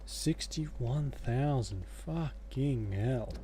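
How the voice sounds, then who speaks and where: A man's voice: medium pitch, expressive, very slow, dark tone. A man giving casual let's play commentary in a rambling, reflective way. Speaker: video game streamer. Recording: faint background noise and game ambience.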